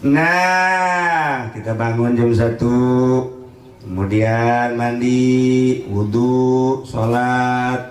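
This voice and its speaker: A man giving a humorous Islamic sermon as a preacher, swinging between low solemn warnings and high joking asides. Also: fairly even intonation, extremely slow. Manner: jokey, mimics congregation members, swings from low solemn to high laughing. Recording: echoey hall.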